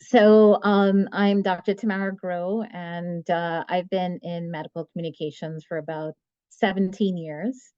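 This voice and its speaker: A woman in her forties from Trinidad and Tobago, giving a measured, explanatory webinar talk as guest speaker over a video call. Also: lowish voice, fairly even intonation, clear, resonant tone, no room sound, highs cut off. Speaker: guest speaker, medical writer. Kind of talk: webinar presentation.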